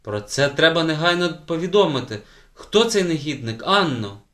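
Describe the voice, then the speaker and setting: A man's voice: medium pitch, animated, moderate pace, a bit bright, lightly acted. A man reading an audiobook voices a strict old spinster schoolteacher who speaks sternly and raises her voice in alarm. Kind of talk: audiobook character voice.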